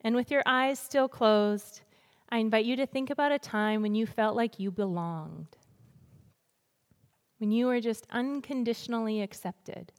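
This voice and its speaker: A woman speaker gently guiding a breathing reflection, calm and soothing, with slow, deliberate pauses. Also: fairly high pitch, clear, resonant tone. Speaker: guest church speaker. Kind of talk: gentle guided breathing and reflection before a sermon. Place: large church hall, speaking to a congregation. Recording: reverberant hall sound.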